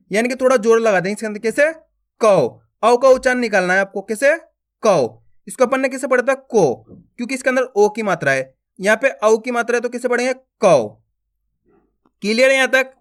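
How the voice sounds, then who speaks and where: A man leads a beginner lesson on Hindi letters. He draws out each syllable slowly and calls it out loudly, then checks with the viewer whether they have understood. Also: very high voice. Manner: slow, drawn-out syllable drills with questions to the viewer. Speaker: Hindi teacher.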